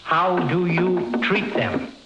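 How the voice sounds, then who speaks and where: In a 1950s radio drama, a man with a high-pitched voice plays an eager, deferential young expedition crewman and translator, speaking slowly, respectfully and earnestly. The vintage radio recording is dull and noisy, with music behind him.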